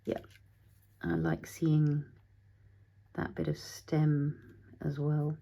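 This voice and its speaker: Low gravelly woman thinking aloud. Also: monotone, drawn-out words, mellow. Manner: chatty, thinks aloud, talks to her materials, sometimes drops to a whisper. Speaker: craft tutorial host. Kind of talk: casual crafting tutorial, talking while working.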